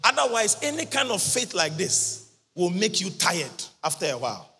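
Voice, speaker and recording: A man preaching a sermon at a convention, in chanted, half-sung lines that burst into shouts. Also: sits high, sing-song, normal speed, husky. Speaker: prophet preaching. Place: large church or convention hall. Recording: reverberant hall with music behind.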